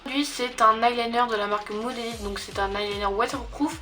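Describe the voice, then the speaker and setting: A woman's voice: a little high, steady tone, brisk, sharp tone, soft background music. Hesitant young woman reviewing beauty products. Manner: hesitant, many fillers and restarts. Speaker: beauty vlogger. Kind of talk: casual product review chat.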